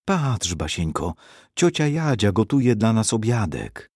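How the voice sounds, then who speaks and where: Male narrator doing an anxious mother in a shelter, hushed, lively intonation. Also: fairly low pitch, a little slow, slightly rough, no room sound, studio quality, exaggerated voice. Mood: hushing.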